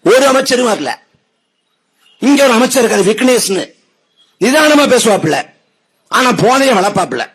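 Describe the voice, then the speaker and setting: A man giving a political speech, mocking and sarcastic, with rhetorical questions that build to shouts. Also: very high-pitched, breathy edge, poor audio. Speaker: political speaker.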